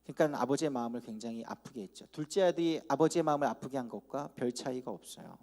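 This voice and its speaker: A man preaching a youth sermon at a church service, animated, and he acts out the characters with comic asides. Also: mid-range voice, fast talker, vocal fry. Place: church hall.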